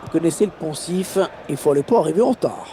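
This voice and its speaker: A man commentating on a football match in an excited play-by-play style, his voice rising at chances and goals. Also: fairly high pitch, fast talker, slight background noise. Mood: engaged. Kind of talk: excited goal-call sports commentary.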